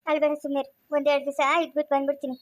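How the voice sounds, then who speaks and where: A woman playing a gentle rural Kannada aunt. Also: high-pitched, monotone, very fast, dry recording, natural voice. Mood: soothing. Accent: rural Chikkaballapur Kannada. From Karnataka. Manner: sighing, murmured asides with "ha?". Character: elderly village aunt, gentle and long-suffering. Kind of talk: village family skit.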